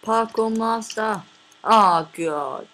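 A woman giving casual commentary over a game she is playing, excitable, often repeating words and laughing. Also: a little high, very slow, a little hiss or hum.

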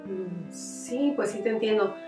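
A woman's voice: mid-range voice, unhurried, a little mellow. A middle-aged woman, a mother giving heartfelt, reflective interview testimony with frequent restarts. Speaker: mother of a former camp participant. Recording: echoey room, mic at a distance, faint music.

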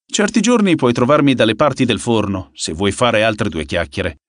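A man's voice: lowish voice, animated, moderate pace, lightly acted. A man voicing a sneering, hot-tempered young man in an audiobook, mocking and taunting.

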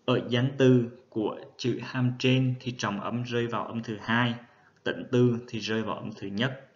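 A man's voice: mid-range voice, fairly even intonation, moderate pace. A man giving a methodical, patient lecture on dental terminology, spelling out each term step by step. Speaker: dental instructor. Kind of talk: explanatory lecture. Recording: dull lo-fi recording.

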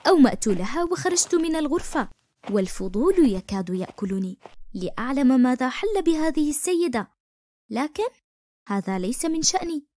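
A woman narrating a first-person story for an animated cartoon in an expressive, emotive way. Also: high voice, fairly quick, dry recording.

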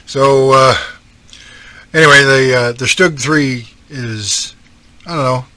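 A man's voice: fairly low pitch, gravelly, sharp tone, slight background noise. A middle-aged man with an East Coast Canadian accent, chatting casually and rambling about his hobby with many ums and self-deprecating asides. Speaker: scale modelling channel host. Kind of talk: casual chat.

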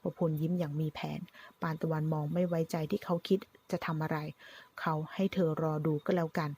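A woman narrating a retelling of a drama in a steady, brisk storytelling manner. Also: low-pitched, a little hiss or hum. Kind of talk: scripted narration of a drama recap.

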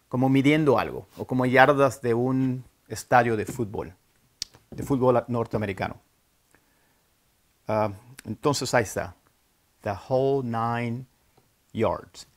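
A man teaching an online language lesson, patiently explaining idioms and repeating key phrases slowly for learners. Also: mid-range voice. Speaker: English teacher.

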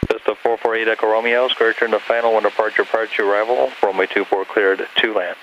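A man's voice: on the low side, little pitch movement, fast talker, a bit bright, highs cut off. A man working as an air traffic controller, giving clipped, matter-of-fact instructions by radio, heard over a pilot headset. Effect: aviation radio.

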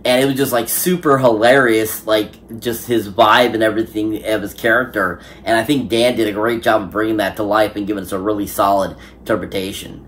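A man's voice: lowish voice, steady tone, a little fast, few pauses, a bit bright, slight background noise. Rambling, enthusiastic male film reviewer. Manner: enthusiastic, rambling with many fillers. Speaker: movie reviewer. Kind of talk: casual spoken film review.

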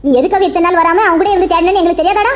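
A woman voicing a sharp-tongued cartoon girl. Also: extremely high pitch, fairly even intonation, big-room sound. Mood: accusing. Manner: quick, needling, accusing. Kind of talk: cartoon drama voice acting.

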